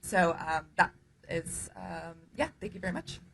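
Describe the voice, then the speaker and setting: Earnest woman advocate, low-pitched and halting. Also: lively intonation, vocal fry, very noisy. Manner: earnest, hesitant, many ums. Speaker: human rights advocate. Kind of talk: press conference remarks.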